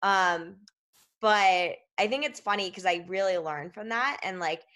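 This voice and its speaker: A woman's voice: mid-range voice, a little slow, a bit bright. A woman climber telling stories in casual conversation, chatty and filling her speech with "like".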